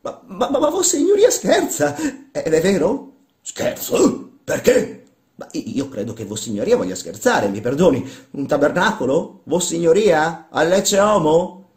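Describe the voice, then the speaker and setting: A man's voice: a little high, big pitch swings, extremely slow, a little mellow, pitched above the performer's own voice, full character voice. A man voicing a humble, flustered workman in a dramatic literary reading, stammering and pleading in a raised, anxious voice. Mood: incredulous. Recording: roomy echo.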